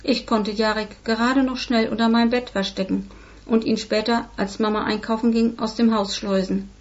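A woman's voice: fairly high pitch, steady tone, normal speed, close to an everyday voice. Whiny defiant teen girl, a woman puts her on, storybook, a bit muffled. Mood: confiding. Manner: whiny pleading. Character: sulky defiant thirteen-year-old girl.

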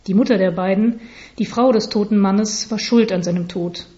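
A woman narrating an absurd story in a deadpan reading style. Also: mid-range voice, moderate pace. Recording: slightly dull recording.

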